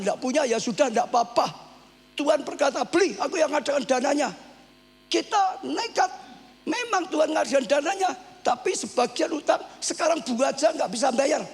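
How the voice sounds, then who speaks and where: Husky high-voiced pastor, yells then goes quiet, big echoey church with hum. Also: male voice. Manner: animated storytelling, shouting at peaks and dropping to soft asides. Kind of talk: sermon. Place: church hall. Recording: hum from a live church stream with long hall reverb.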